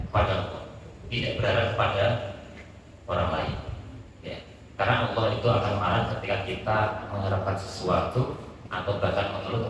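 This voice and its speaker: Low-voiced preacher in an echoey hall. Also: male voice, a bit bright, slight background noise. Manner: explains slowly, quotes Arabic, mixes in local Javanese words. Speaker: Islamic preacher. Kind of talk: religious study sermon. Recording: echoey hall mic from far off.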